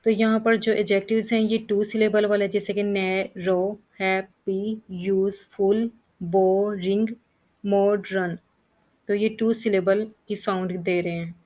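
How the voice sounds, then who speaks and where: A woman's voice: mid-range voice, flat delivery, slow pace, darkish tone. A woman teaching English grammar, explaining rules step by step, spelling out letters and reading lists of word forms. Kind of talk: Hindi-language grammar lesson.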